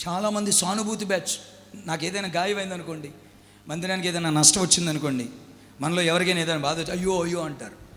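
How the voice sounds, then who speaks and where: A man's voice: high-pitched, fast talker, a bit bright. A male pastor preaching emphatically and calling on the congregation to repeat after him. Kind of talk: sermon. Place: church hall. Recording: long hall reverb.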